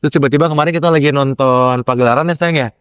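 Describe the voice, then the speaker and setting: A young adult man, a lecturer telling classroom stories in casual chat, acting out quoted lines with animated jumps in pitch. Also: racing, clear, resonant tone, dry recording. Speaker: lecturer and podcast guest.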